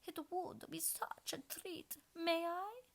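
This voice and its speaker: A woman reading aloud, voicing a gentle, scatterbrained queen who coos her words in a sing-song way. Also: very high voice, slow, gravelly, pitched above the performer's own voice, exaggerated voice. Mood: delighted. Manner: cooing like a pigeon.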